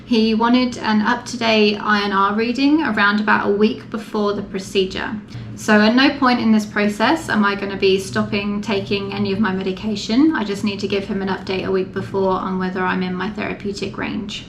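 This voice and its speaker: Female vlogger, mid-pitched, informal and matter-of-fact explainer; roomy echo, slight background noise. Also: level tone, fairly quick. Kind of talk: casual explanatory vlog to camera. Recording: echoey room with faint background noise.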